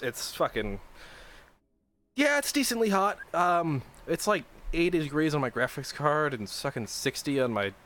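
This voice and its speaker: A man's voice: medium pitch, fairly bright tone. A young man hosting a livestream, chatting casually and rambling with lots of swearing and restarts. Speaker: livestream host designing a game mod.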